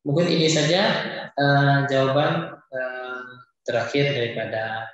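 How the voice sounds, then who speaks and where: A man teaching Quran recitation, answering viewers' questions in a hesitant way with many filler pauses. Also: medium pitch, steady tone, muffled recording. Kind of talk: live-streamed Q&A lesson. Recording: very echoey room.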